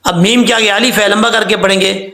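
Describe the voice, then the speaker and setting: A man teaches Quran pronunciation in a high, gravelly voice. He explains each rule and then chants the words slowly to model them. The recording has a roomy echo. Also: fairly even intonation, bright, forceful tone.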